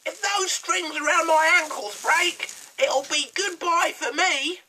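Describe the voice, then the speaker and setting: A man voicing a nasty old wife in a children's storybook, in a shrieking falsetto, gasping and screaming. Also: slow, pushed and bright, a little hiss or hum, full character voice, poor audio. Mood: fretful. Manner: screeching, furious, gasping. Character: shrill bossy old woman, Mrs Twit.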